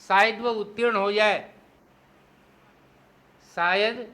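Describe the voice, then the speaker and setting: A man teaching Hindi spelling in an exam-prep lecture, explaining step by step and slowing down to spell out syllables. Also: high-pitched, fairly even intonation, bright, forceful tone. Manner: explains step by step, asks the class "clear?".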